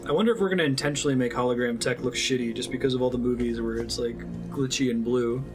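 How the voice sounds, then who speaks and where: A male streamer chatting casually over a game. His voice is medium in pitch, wry and rambling, with some music in the background. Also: fast. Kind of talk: casual live game commentary.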